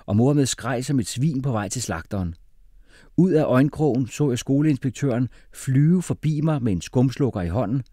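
Animated male storybook narrator. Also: medium pitch, dry recording, studio quality. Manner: animated, expressive reading. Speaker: audiobook narrator. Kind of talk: first-person storybook narration.

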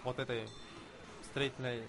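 A man's voice: medium pitch, little pitch movement, a little slow, creaky, fairly bright tone. A man giving casual live commentary on a video game match as one of its casters.

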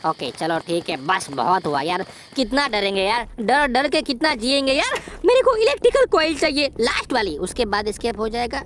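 A woman giving excitable, giggly commentary over a horror game, boasting and joking. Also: on the high side, normal speed, a little hiss or hum. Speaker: gameplay YouTuber. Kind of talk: let's-play commentary.

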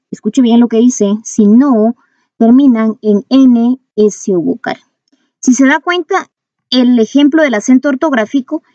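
A woman teacher walks through spelling rules at a steady pace, filling pauses with "eh" and going back over each rule. Her voice sits a bit high. The recording is dull and dry. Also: no echo. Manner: steady explanatory pace with frequent "eh" fillers, repeats the rules. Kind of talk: classroom grammar lesson.

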